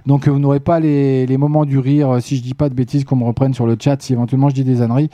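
A man hosting a live evening radio show, chatty and joking with listeners, his voice going hoarse. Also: mid-range voice, level tone, fast talker, dark tone, no echo. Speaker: radio host. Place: radio studio.

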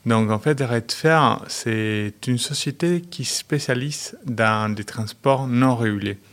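Man, middle-aged, radio interview guest, halting, many fillers. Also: mid-range voice, a bit bright. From Argentina. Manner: halting, frequent restarts and fillers. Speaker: guest, company director.

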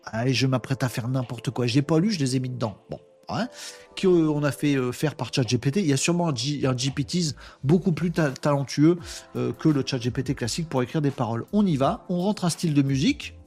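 A man's voice: medium pitch, lively intonation, brisk, darkish tone, faint music behind. A man hosting a live stream in casual chat, joking and thinking aloud with many fillers as he works at his computer. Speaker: live show host.

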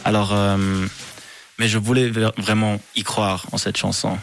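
A calm man giving a casual interview in halting French, slipping in words. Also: lowish voice, gravelly, soft background music. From Switzerland or Britain. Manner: hesitant, halting French with English words mixed in. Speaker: pop singer, interview guest.

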